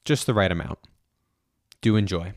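A young man hosting a student podcast, reading a measured, scripted narration. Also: sits low, no echo, studio quality. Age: young adult.

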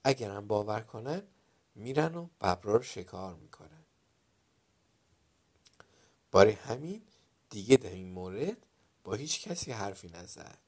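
Brief: male story narrator with a low voice, dramatic delivery from hushed to loud. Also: sing-song, pauses often, slightly rough.

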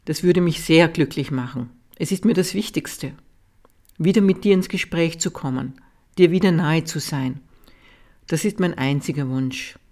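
A reader voicing an earnest young male monk who speaks gently and sincerely to his father. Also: medium pitch, normal speed, lightly acted.

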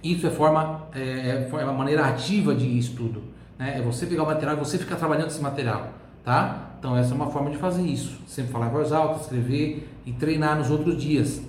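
A Brazilian Portuguese-accented man teaching an online language lesson. He drills words in slow repetitions and keeps checking in with the viewer. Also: on the high side, slight background noise. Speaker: Italian teacher. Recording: echoey room, faint ambience.

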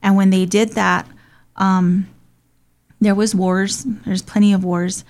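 A woman raised in Hawaii hosts a casual conversation, speaking earnestly and saying "um" often. Her medium-pitched voice is slow, darkish in tone, and moves little in pitch.

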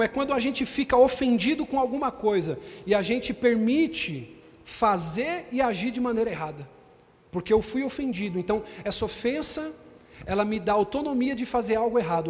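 A man with a Brazilian Portuguese accent preaching a sermon as bishop, emphatic and firing rhetorical questions at the congregation. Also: very high voice. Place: church hall. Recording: long reverb of a large hall.

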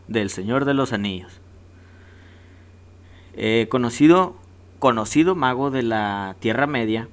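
A man's voice: fairly low pitch, a bit bright. A man with a Mexican accent hosting a casual countdown vlog, rowdy and jokey with heavy slang. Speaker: host.

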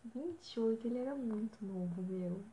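A woman's voice: a little high, moderate pace, mellow. A young woman co-hosting a podcast, chatting casually and exclaiming often. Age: young adult. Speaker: podcast co-host. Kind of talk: casual chat. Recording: echoey room, faint background noise.

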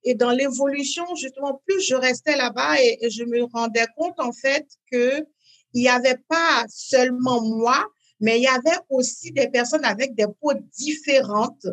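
A woman, talking as an interview guest in a hesitant way, with many fillers and repeats, then bursts of lively emphasis. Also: high voice, moderate pace. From Benin. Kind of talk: conversational interview.

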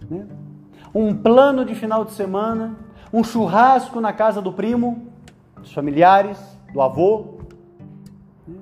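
High-pitched man giving a chatty meditation. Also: darkish tone. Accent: Brazilian Portuguese. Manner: conversational, frequent "né?" tags, playful asides. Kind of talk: spoken meditation for young men.

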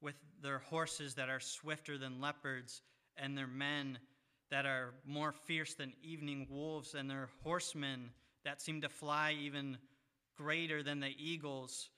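A man preaching a sermon, reading scripture in a measured way with pauses. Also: fairly high pitch, flat delivery, bright, forceful tone, clear, resonant tone.

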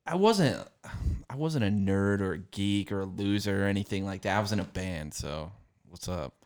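A man's voice: low voice, animated, moderate pace, a little mellow. A man hosting a casual podcast chat, joking around crudely with his co-hosts. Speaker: podcast host.

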